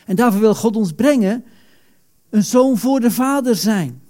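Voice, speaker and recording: A man preaching a sermon, animated, acting out quoted prayers with sudden loud outbursts. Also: high-pitched, unhurried.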